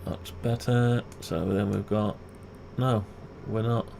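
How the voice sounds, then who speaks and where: The speaker is a man with a gravelly, lowish voice who proceeds slowly as he demonstrates design work. He's a video creator doing CAD, muttering to himself and questioning his own moves in an unscripted, think-aloud style. The recording carries steady background noise and keyboard sounds.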